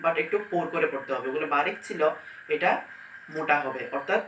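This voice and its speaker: A man's voice: a little high, pushed and bright, far from the mic, a little hiss or hum. Man teaching letter sounds in an echoey room. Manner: instructive, drawing out each letter slowly with demonstrations. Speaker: Quran teacher. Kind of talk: step-by-step pronunciation lesson. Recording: echoey room, mic set back.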